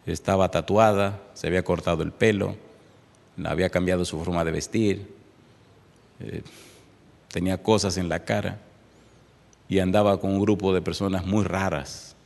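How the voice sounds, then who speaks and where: A man preaching a sermon, moving from an impassioned appeal into a softly told story with voiced quotes. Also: fairly even intonation, normal speed, vocal fry, long pauses. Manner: impassioned, loud and high at the start, then softer storytelling with voiced quotes. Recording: long hall reverb.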